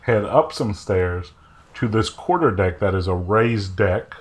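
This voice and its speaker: A man narrating as game master of a tabletop role-playing game, describing scenes in a measured way. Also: on the low side, expressive.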